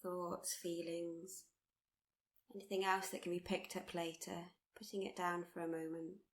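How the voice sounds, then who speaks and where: A meditation teacher, speaking live to a workshop, walks listeners through a body scan in a flat, steady, slightly low voice. Unhurried and soothing, she encourages softly and keeps revisiting the same lines.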